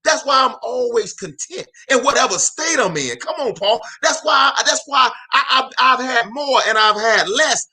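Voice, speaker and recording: With a very high, expressive voice that's bright and forceful, a motivational speaker and host in his 40s holds forth live at normal speed with hardly any pauses. He uses a preacher-style cadence, repeating phrases and calling out to viewers.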